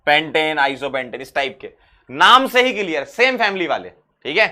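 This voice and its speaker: A male chemistry teacher with a bright, forceful voice that sits a little high. He talks in a lively way, repeats his key phrases, and asks questions that he answers himself. The lesson is for exam preparation. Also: moderate pace.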